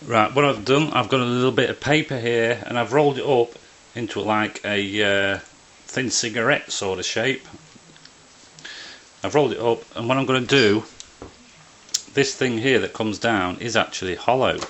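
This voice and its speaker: Next to a printer indoors, a man talks viewers through hands-on work step by step in an informal, plain-spoken tutorial. His mid-range voice is fairly bright and moves at a moderate pace, with a little hiss or hum in the audio.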